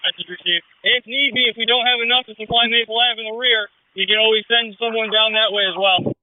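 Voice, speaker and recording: A man with a high-pitched voice speaks firefighter radio traffic. The two-way radio makes him sound thin and narrow-band. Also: steady tone, fast, dry recording.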